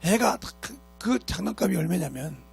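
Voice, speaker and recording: A man's voice: high-pitched, animated, normal speed, vocal fry, faint music behind. A man preaching a sermon as pastor, emphatic and scolding, who keeps asking his congregation rhetorical questions. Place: church sanctuary.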